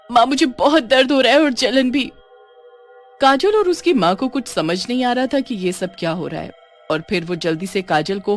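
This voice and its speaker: A woman narrating an animated horror story in a scripted, dramatic storytelling voice. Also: fairly low pitch. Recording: faint music underneath.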